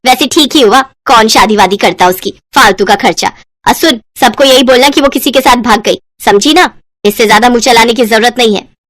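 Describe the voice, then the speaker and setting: A woman voicing a harsh, bossy elder sister-in-law in a cartoon story, who scolds and shouts. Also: on the high side, fairly quick, no echo, studio quality. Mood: scolding.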